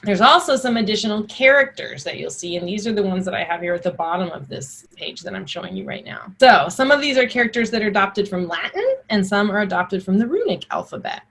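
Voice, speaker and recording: Female instructor, Old English pronunciation lesson; slightly raspy mid voice, informal explainer who clearly models each archaic word. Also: mid-range voice, big pitch swings, fast talker, hardly any pauses, a bit bright. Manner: informal, explanatory, enunciates examples. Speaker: teacher. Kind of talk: spoken pronunciation lesson with Old English words sounded out and recited.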